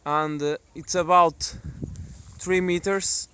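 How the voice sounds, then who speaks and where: Non-native guy doing a casual outdoor vlog, slow n halting, slightly high voice. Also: steady tone, bright, forceful tone, a little hiss or hum. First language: not English. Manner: hesitant, halting delivery. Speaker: amateur radio hobbyist presenting a video. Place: outdoors in the countryside among trees.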